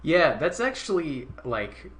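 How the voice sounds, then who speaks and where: Bright, animated man joking about speedruns. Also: on the high side, slow. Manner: joking, boastful about his records. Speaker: speedrunner co-commentator. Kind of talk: casual commentary over a game run.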